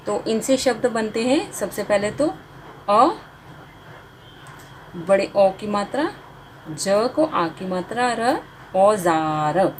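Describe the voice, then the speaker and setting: A woman teaches beginners in an unhurried, very slow voice, building words one sound at a time. Her pitch sits in a middle range, and she draws out each completed word. A faint hiss of noise lies behind her. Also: lively intonation, low-quality recording. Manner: slow, drawn-out spelling, stretching each finished word. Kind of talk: slow Hindi spelling lesson for beginners.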